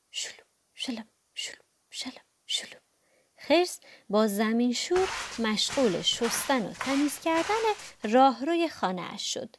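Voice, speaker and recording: A woman reading a children's audiobook aloud, playful and animated, adding sound effects. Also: a little high, dry recording. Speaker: storyteller.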